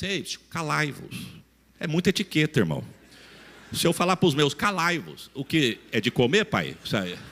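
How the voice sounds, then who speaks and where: Folksy preaching man, bright ringing voice. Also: mid-range voice, long reverb tail. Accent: São Paulo countryside Brazilian Portuguese. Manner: folksy preaching with acted dialogue and rising shouts. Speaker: pastor. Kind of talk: sermon. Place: church sanctuary.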